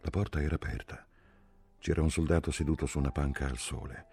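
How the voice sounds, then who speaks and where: Very deep, husky male narrator. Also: fast, dark tone, faint music behind. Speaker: audiobook reader. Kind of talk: literary audiobook narration.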